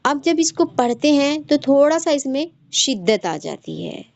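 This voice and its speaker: A woman's voice: sits high, big pitch swings, measured pace, vocal fry, darkish tone, dry recording. A woman teaching Quran recitation rules in an online class, patiently repeating each rule and quizzing her students. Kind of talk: online tajweed lesson. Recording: dull lo-fi sound.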